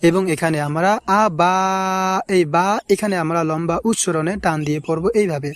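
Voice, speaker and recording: A man teaching correct recitation, drawing out words slowly and repeating them to correct pronunciation. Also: on the high side, fairly even intonation. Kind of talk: recitation lesson.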